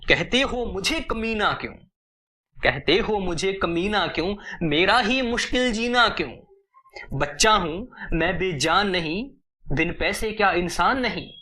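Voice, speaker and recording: A man's voice: sits high, animated, unhurried, bright, forceful tone, exaggerated voice. A man reciting the lines of a hungry, poor young boy who pleads for food, repeating each couplet twice. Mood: pleading.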